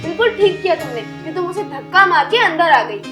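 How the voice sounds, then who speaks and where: A woman plays a stuck-up candidate with a very high voice. She talks down to people with open contempt. Her voice rings in an echoey room. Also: expressive, brisk, a bit bright, faint music behind. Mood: scornful. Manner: haughty and scornful. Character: snobbish, mean woman job candidate. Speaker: job candidate.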